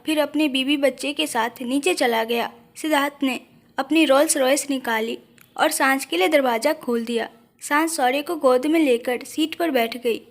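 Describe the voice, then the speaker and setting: A woman reading a romantic audio story aloud as the narrator, in a soft, expressive way. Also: high voice.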